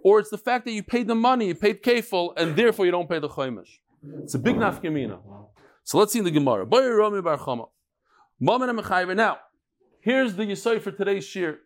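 Older-ish rabbi guy, bit high pitched, chatty talmud class, asks questions then answers them. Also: lively intonation, fast talker. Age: middle-aged or older. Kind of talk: informal lecture with chatty asides.

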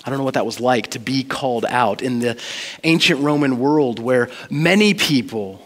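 A man's voice: medium pitch, normal speed. A man preaching a sermon in a church, telling personal stories in an earnest, conversational way. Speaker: pastor. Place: church sanctuary. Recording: long reverb of a large hall.

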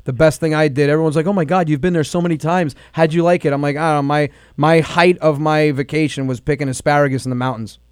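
A male comedian hosts a radio call-in show, rattling off stories at high speed and voicing the people he quotes. His voice sits a bit high and sounds close and dry in the studio. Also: smooth, no echo. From United States. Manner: fast, animated storytelling with acted-out quotes. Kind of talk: casual radio chat with a caller.

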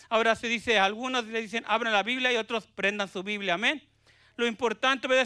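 A man preaching in a church, shouting praise and dropping hallelujahs between phrases, then joking with the congregation and having them repeat lines. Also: very high-pitched, smooth. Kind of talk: Pentecostal sermon with call-and-response. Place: church sanctuary.

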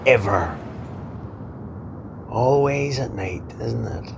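A menacing male crime boss in a gritty drama, low and slow. He swears and orders people around impatiently, over the clear rumble of a car. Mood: stern. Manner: domineering, swearing, clipped commands. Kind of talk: naturalistic screen drama acting. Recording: noisy, rumbling car interior ambience.

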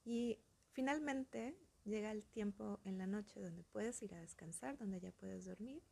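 A woman hosting a podcast, talking slowly and softly in a calm, reflective monologue that often drops to a breathy near-whisper. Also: medium pitch. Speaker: podcast host.

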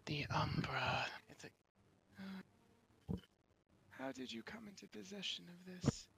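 A woman's voice: medium pitch, gravelly, breathy edge, heavily acted. Woman whispering as a cold vampire interrogator. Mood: menacing. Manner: slow, probing questions. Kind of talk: whispered role-play.

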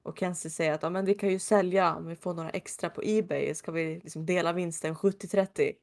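A woman recounts a TV episode in easy, casual conversation. She slips into the characters' lines with animated little voices, then drops back to her ordinary speaking voice. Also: fairly low pitch. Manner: animated retelling, acting out quotes. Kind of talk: casual chat retelling a TV episode.

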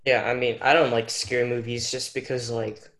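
A man's voice: medium pitch, flat delivery, normal speed, fairly bright tone. A teenage boy co-hosting a casual podcast chat over a video call, hesitant and teasing, with many fillers. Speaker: podcast co-host.

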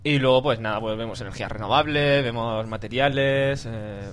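A man's voice: mid-range voice, normal speed. A man being interviewed in a casual chat, answering in a laid-back, self-deprecating way. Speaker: guest.

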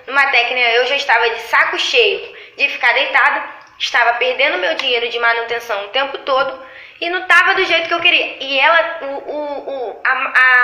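A woman in casual chat, telling animated stories about her lash clients and acting out their lines. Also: high voice. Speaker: lash artist. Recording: echoey room.

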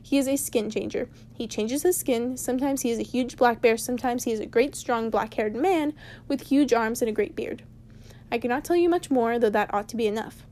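Brisk, stern old wizard from a storybook, slightly higher voice, a woman reading him. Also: darkish tone, slight background noise, close to an everyday voice. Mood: cross. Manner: stern, lecturing. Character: old male wizard, brisk and easily cross. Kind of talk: storybook read-aloud.

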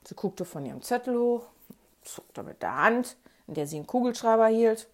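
A woman with a Ruhr German accent telling a childhood memoir in an animated, colloquial way. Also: on the high side, normal speed. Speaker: narrator. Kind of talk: memoir storytelling.

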